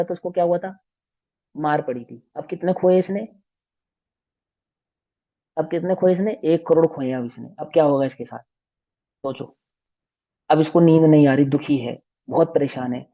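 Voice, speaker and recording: Brief: a man teacher with a higher voice, lively and questioning, in a dull lo-fi recording. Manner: animated, asks the class rhetorical questions. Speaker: religious teacher. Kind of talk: storytelling lesson to children.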